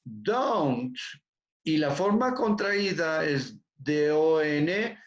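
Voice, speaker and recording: A man's voice: fairly high pitch, expressive, slow. A man teaching English over a video call, repeating words and checking on his students. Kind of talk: online class teaching. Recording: dull echoey room audio.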